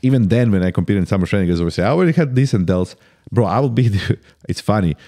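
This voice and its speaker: A man in his thirties talks in a low, mellow voice as a podcast guest. His delivery is loose and casual, peppered with "bro" and halting restarts. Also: expressive. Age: 30s. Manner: casual, sprinkles "bro" constantly; halting restarts while thinking.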